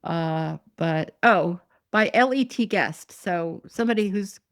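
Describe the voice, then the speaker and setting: A woman's voice: fairly low pitch, slow, dry recording, clean studio sound. Sarcastic, digressive woman host. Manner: sarcastic, digressive, laughs often. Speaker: podcast host. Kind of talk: casual commentary reading articles aloud.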